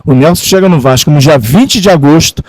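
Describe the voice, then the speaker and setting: A man's voice: a little high, brisk. A man, hosting an interview in a restaurant and asking long run-on questions. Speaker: host.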